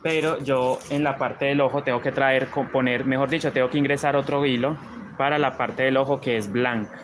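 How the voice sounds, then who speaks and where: A man's voice: mid-range voice, steady tone, fairly quick, a little hiss or hum. A man with a Colombian paisa accent teaching crochet on a live stream, chatting and reading viewer comments as he works.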